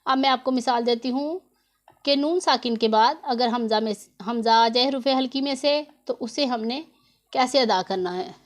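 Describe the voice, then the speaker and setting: A woman teaching Quran reading rules in a tutorial lesson, patiently repeating and drawing out each example word. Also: fairly high pitch. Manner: slow and patient, drawing out example words syllable by syllable.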